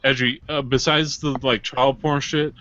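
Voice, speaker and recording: Bright-voiced rambling man. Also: mid-range voice, flat delivery, normal speed. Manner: rambling, hesitant, swears often. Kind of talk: casual group voice chat. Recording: muffled voice chat audio.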